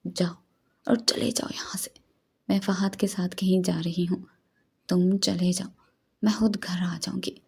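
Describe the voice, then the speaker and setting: Defiant young girl yelling off the crowd, woman reading it, dark husky tone. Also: lowish voice, level tone, unhurried, long pauses, full character voice. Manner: shouting, scornful.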